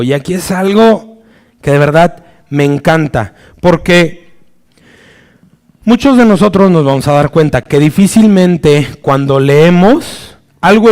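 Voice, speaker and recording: A man delivers a sermon in a somewhat high voice at a slow, deliberate pace. He hunts for his words with small restarts and keeps checking in with his listeners. When he quotes the story he shifts sharply in pitch and loudness. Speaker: preacher.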